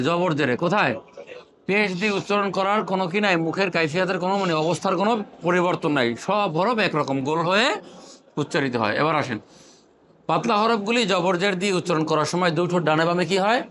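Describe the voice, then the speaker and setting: A man teaching Quran pronunciation, asking questions and answering them himself and drilling syllables slowly. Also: a little high, a bit bright.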